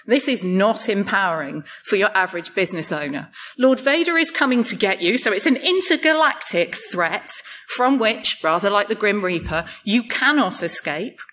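A woman's voice: mid-range voice, lively intonation, normal speed, a bit bright, slight background noise. A woman giving a conference talk in a wry, light-hearted way, joking at her own expense. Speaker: conference speaker.

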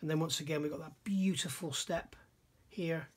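A man's voice: fairly high pitch, steady tone, normal speed, noisy background. Musing man at a workbench. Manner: musing, self-questioning, admiring. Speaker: scale model reviewer. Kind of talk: casual hands-on kit review. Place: workbench indoors.

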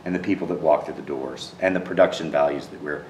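Speaking fast in a very deep voice, a theater director from Texas in his thirties responds to interview questions with earnest warmth, frequently restarting and repeating words as he thinks. He sits far from the mic. An empty theater gives a roomy echo and faint hum.

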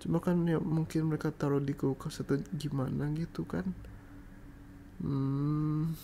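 A man's voice: fairly high pitch, little pitch movement, a little slow, gravelly, mellow, a little hiss or hum. A young man in an ASMR boyfriend role-play, pleading and apologizing in a coaxing way and slipping English phrases into his speech.

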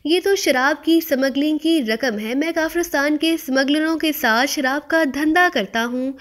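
A woman voicing a terrified male smuggler who pleads in a halting, panicked way. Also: high voice, fairly bright tone. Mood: fearful pleading.

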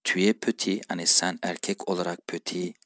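A man's voice: sits low, steady tone, moderate pace, a bit bright, dry recording, studio quality. A man teaching a language lesson, reading each dialogue line and then translating and explaining it. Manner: reads lines in one language, then translates them. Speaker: French teacher.

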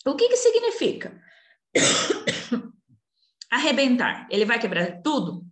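A woman teaching young children over a recorded video, slowly and coaxingly walking them through a worksheet. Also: on the high side, huge pitch swings. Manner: slow, coaxing, talks down gently to young children. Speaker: primary school teacher. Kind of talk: recorded remote class walkthrough. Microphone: computer recording while sharing screen. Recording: echoey room.

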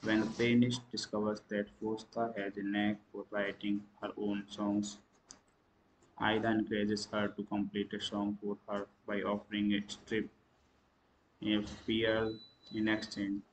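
Male review-channel host, lowish voice, dead-level monotone, halting read-through of a plot summary with stumbles. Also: slight background noise, poor audio. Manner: halting reading with slips and restarts; clears throat and coughs between lines. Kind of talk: read-aloud film summary.

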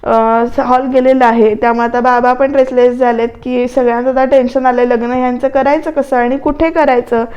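High, even-toned woman recapping a serial. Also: fairly quick, hardly any pauses, muffled recording. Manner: conversational retelling with asides to viewers. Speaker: serial review narrator.

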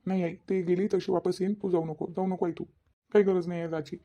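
A woman's voice: on the low side, flat delivery, fast talker, warm tone, dull audio, close to an everyday voice. A woman voicing a devoted young adult son in a cartoon, with an insistent, pleading manner. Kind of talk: cartoon voice acting.

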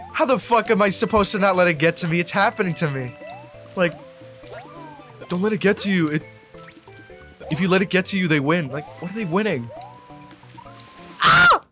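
A man rambling through casual gameplay commentary, excitable, with sudden yelps and outbursts. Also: on the high side. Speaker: gamer doing a Let's Play.

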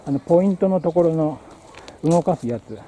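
Male travel vlogger, a bit higher voice, casual thinking-aloud narration, recorded on a camera mic outdoors with birds and traffic. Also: animated, normal speed, warm tone, low-quality recording. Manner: muses aloud, thinking as he goes. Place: outdoors at a small rural train station. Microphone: handheld camera mic.

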